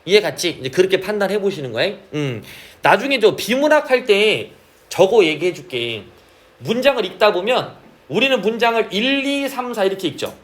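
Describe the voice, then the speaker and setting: Lively high-voiced male teacher. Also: normal speed. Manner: asks frequent check questions, drawls key terms. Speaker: Korean literature teacher. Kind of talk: classroom lecture.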